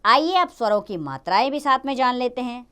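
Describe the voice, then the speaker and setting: A woman teaching a grammar lesson to children, drawing out each letter and example word slowly. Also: fairly high pitch, sing-song, fairly bright tone, smooth. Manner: slow, drawn-out teaching of each letter and sound.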